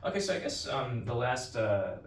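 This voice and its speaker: A man's voice: mid-range voice, sing-song, normal speed. A man hosting a podcast, asking long winding questions full of "um" and restarts. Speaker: podcast host. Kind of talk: interview questions. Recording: roomy, distant mic.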